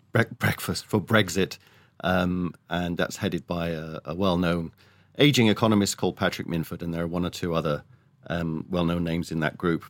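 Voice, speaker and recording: A man with a deep voice and a close, dry sound gives interview commentary. He speaks emphatically and with firm opinions. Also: dry recording. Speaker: economics columnist, podcast guest.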